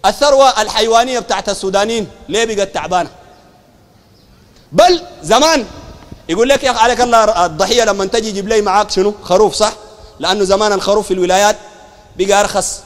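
Sudanese preacher guy talking fast and high, mocking asides, big echoey hall. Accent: Sudanese Arabic. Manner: animated, mocking asides and rhetorical questions. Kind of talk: colloquial sermon.

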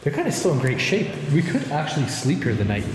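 A man's voice: on the high side, wildly swooping pitch, fast talker, a crowd in the background. Man vlogging in heavily echoing rooms. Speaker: vlog host exploring an abandoned prison. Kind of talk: casual exploration vlog narration. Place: small abandoned prison cells and corridors, indoors. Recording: very echoey concrete rooms, music bed. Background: clear background music.

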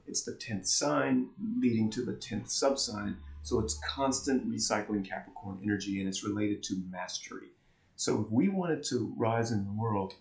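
A man co-hosting an astrology talk, explaining charts in a chatty, easygoing way and laughing easily. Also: fairly low pitch. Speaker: astrology co-host. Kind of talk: explaining charts in casual chat. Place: warm indoor room. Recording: echoey room.

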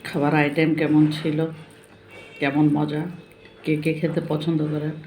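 A woman's voice: sits low, little pitch movement, a little slow, a little mellow, slight background noise. An older woman chatting casually to viewers while eating, her mouth full at times. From Comilla, Bangladesh. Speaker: food vlogger. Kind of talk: casual chat to viewers over a meal.

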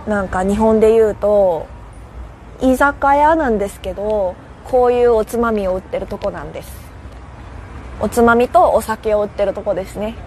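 A young South Korean woman hosts a live stream from a city rooftop, chatting casually in Japanese and answering viewers' comments. Her Korean accent carries a Kansai lilt, and her mid-range voice has a darkish tone at a moderate pace. A faint hiss or hum sits under the recording.

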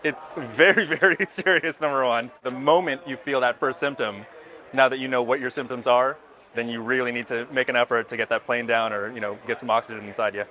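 A man's voice: medium pitch, fairly even intonation, a little fast, bright, forceful tone. A man in his thirties giving casual, conversational interview answers as a pilot. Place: indoor demonstration area at an air show. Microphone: lapel.

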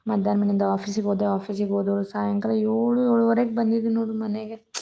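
Hoarse woman chatting on a phone live. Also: mid-range voice, monotone, fast talker, mellow. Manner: chatty, greets viewers by name. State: hoarse, voice cracking from illness. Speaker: live stream host. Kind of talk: casual live chat reading comments. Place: dark room at home during power cut.

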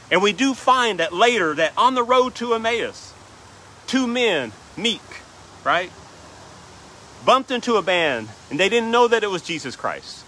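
A man delivers a sermon in a bright, slightly high voice. He reads old-style scripture aloud in a rhythmic cadence and checks in with the congregation through repeated "right?" asides. A faint background hiss sits under the recording. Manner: reads scripture aloud in King James wording. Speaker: pastor.

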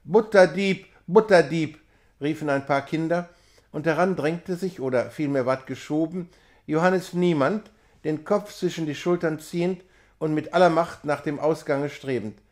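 A man reading a classic novella aloud in a measured, expressive way. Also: on the high side. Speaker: reader.

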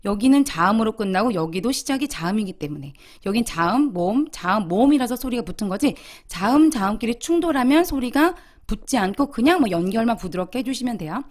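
A woman English teacher giving a language lesson, drilling example sentences slowly for listeners to repeat. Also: medium pitch.

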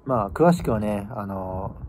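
A man's voice: on the low side, lively intonation, unhurried, a little mellow. A man in his twenties from northern Japan, musing casually and in slangy speech to the camera outdoors. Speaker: vlogger. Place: outdoors by a building in winter. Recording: outdoor ambient noise, phone microphone.

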